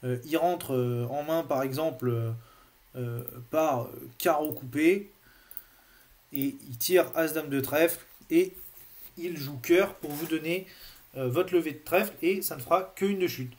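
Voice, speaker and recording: A man with a slightly high voice walks through card play in an unscripted lesson. He hesitates often, filling pauses and restarting sentences as he thinks aloud. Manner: hesitant, many "euh" fillers and restarts. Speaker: bridge teacher. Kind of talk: unscripted instructional explanation.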